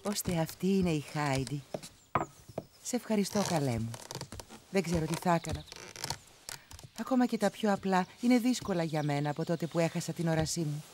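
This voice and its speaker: An actress playing a gentle, wise blind grandmother in her old age in a dubbed cartoon, speaking softly and affectionately. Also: deep voice, animated, long pauses, background noise. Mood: tender. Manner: soft, affectionate. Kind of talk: cartoon dub.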